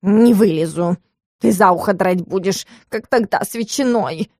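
A woman's voice: medium pitch, moderate pace, warm tone, no room sound, clean studio sound, lightly acted. A woman voicing a cocky, cowardly talking male cat in an audiobook, whiny and protesting. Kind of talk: audiobook character reading.

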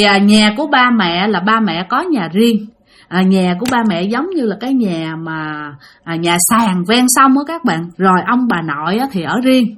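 A woman's voice: medium pitch, a bit bright. A woman with a Southern Vietnamese accent, casually telling a ghost story and talking straight to her listeners. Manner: chatty, addresses listeners directly.

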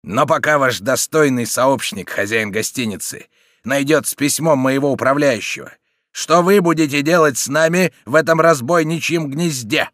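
A man's voice: mid-range voice, normal speed, fairly bright tone, no echo, studio quality, close to an everyday voice. A man reading an audiobook who plays a proud old nobleman, speaking in a grave, haughty manner.

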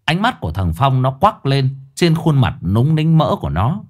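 A man's voice: medium pitch, huge pitch swings, normal speed. A man narrating a scripted horror story in a dramatic, vivid way.

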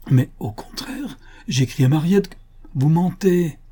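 A man's voice: medium pitch, a little slow, warm tone, close to an everyday voice. A man voicing a bitter, infirm old woman who scolds and laments, in an audiobook reading. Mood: bitter scolding.

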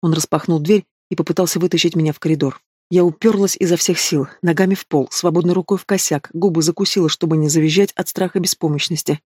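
A man narrating a dramatic audiobook in a measured, steady storytelling manner. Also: a little high, husky, dry recording, clean studio sound.

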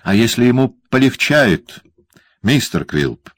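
A fawning, scratchy-voiced lawyer, as a male reader plays him, flattering in a high, thin voice. His lines rise and dip eagerly, heard close and dry. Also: slow, no echo. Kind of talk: audiobook character voice.

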